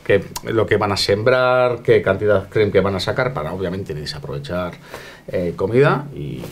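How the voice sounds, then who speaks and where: Young chef with a lowish voice. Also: male voice, moderate pace, a little hiss or hum. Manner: relaxed, explanatory, with fillers. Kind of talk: casual interview answers. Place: restaurant dining room.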